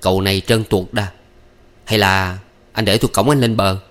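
A man voicing a young man with a Southern Vietnamese accent, awkward, evasive and hurried. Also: low-pitched, steady tone, a bit bright. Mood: uneasy. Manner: hurried, uneasy.

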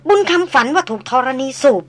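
A woman's voice: brisk, lightly acted. A woman voicing a blunt, jovial old male jungle hunter who talks in coarse folksy speech. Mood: worried confiding.

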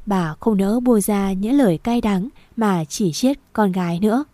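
A woman reading a romance story aloud in a steady, expressive narration. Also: medium pitch, unhurried, no echo.

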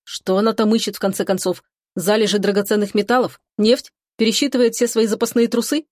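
A woman's voice: mid-range voice, steady tone, brisk, a little mellow, no room sound, clean studio sound. A woman narrating a first-person novel as an audiobook, with a wry, mocking tone. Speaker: audiobook reader.

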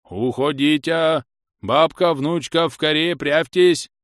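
A man voicing a stern old village man with a hoarse, smoky voice and a mushy lisp, howling threats. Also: a little high, slow pace, fairly bright tone, no room sound, studio quality, pitched above the performer's own voice. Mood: threatening. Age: older.

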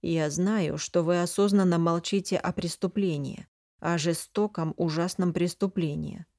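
A woman's voice: fairly low pitch, unhurried, no echo, clean studio sound. Woman reading a cold, stern duke-mage. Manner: calm, cold, interrogating. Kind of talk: audiobook character reading.

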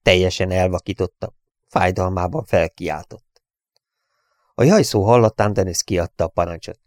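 Man, audiobook narration, measured pace, lowish pitch, dry studio sound. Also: dry recording. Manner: steady, measured storytelling. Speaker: audiobook reader.

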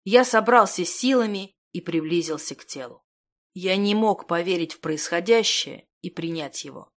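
A woman narrating a fantasy audiobook in first person, in a steady, measured reading. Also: lowish voice. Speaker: audiobook reader.

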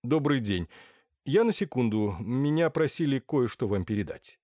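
A man's voice: medium pitch, animated, normal speed, warm tone, no echo, lightly acted. A man voicing a polite, reserved male doctor in an audiobook, courteous and dry. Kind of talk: audiobook character voice.

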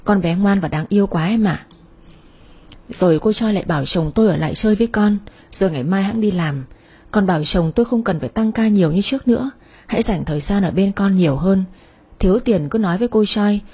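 Soft breathy lady narrating a sad story in first person, mellow tone. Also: mid-range voice, fast.

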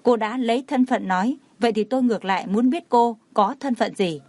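A woman's voice: fairly high pitch, brisk, darkish tone, dry recording. A woman reading the lines of a cold, proud young wife who speaks in a detached way.

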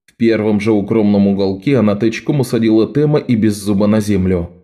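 A man narrating an audiobook with even, expressive storytelling. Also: lowish voice, fairly quick.

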